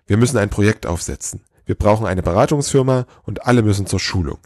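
A man voicing an eager, excited male head elf who gushes without pausing for breath. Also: lowish voice, breathy edge, no room sound, clean studio sound, voice pushed up. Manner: rushed, gushing, talks without pausing.

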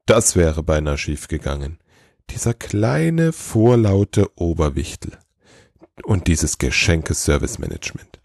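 A man voicing a tired, kindly old Father Christmas who speaks slowly and gently. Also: a bass voice, slightly rough, no room sound, clean studio sound, heavily acted. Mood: weary.

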